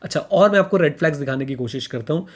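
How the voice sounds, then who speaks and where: A man's voice: on the high side, animated, racing. A man co-hosting a podcast in casual talk, emphatic, repeating his points and mixing in English phrases. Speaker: podcast co-host.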